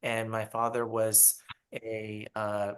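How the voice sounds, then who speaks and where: A middle-aged man from Taiwan, answering interview questions on a video call in a reflective way with many pauses. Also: fairly low pitch, monotone, a bit bright. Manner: unhurried, reflective, with frequent pauses and fillers. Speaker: interview guest, ballet artistic director. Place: small apartment.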